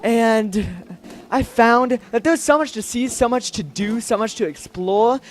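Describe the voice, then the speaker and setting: A man hosting a let's play, chatting casually and rambling with giggles as he plays. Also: sits high. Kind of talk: casual gameplay commentary.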